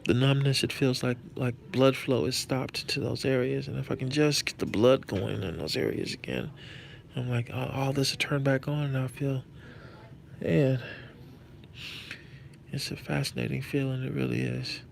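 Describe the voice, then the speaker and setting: A man chatting casually to viewers as a streamer, halting and repeating phrases, his speech slightly thick from a numb tongue and face after a stroke. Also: medium pitch, fairly even intonation, vocal fry. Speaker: live-streaming host. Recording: noticeable background noise.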